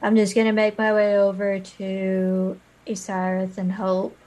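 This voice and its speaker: A woman's voice: medium pitch, monotone, a little slow, mellow. A young adult woman playing in an online tabletop game, speaking matter-of-factly. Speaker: player. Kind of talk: tabletop game chat over voice call.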